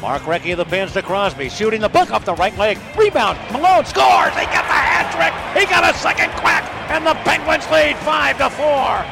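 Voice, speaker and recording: A man calling rapid hockey play-by-play on the radio, excitable and full of colorful catchphrases. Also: extremely high pitch, creaky. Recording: radio broadcast with music behind.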